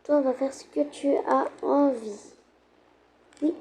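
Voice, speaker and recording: A woman's voice: sits high, a little slow, mellow, rough recording. A woman narrating and playing a child in a role-play game video, chatty and childlike.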